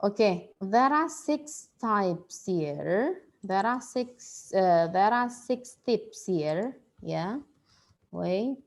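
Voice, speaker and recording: Slow, hesitant woman. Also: mid-range voice, expressive. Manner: hesitant, many fillers and repeated "yeah". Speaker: workshop presenter. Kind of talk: slide-based workshop talk.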